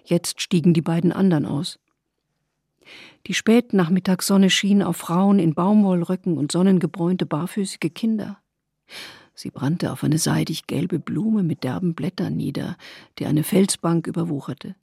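A woman reads a short story aloud in calm, measured narration, with a creaky, husky voice. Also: fairly low pitch, no room sound, studio quality. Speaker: reader.

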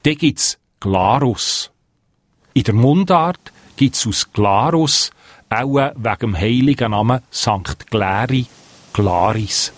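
A male radio reporter reading a scripted explainer segment in a measured, precise way. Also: mid-range voice, expressive, no echo.

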